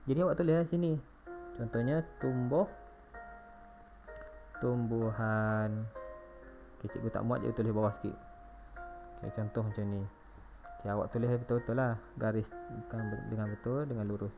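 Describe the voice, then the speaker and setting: Male teacher, Malaysian Malay accent, mid-pitched and patient, explains step by step; lo-fi recorded lesson. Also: steady tone, normal speed, pauses often. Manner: patient, spells words letter by letter. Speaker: primary school teacher. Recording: dull lo-fi recording with faint music.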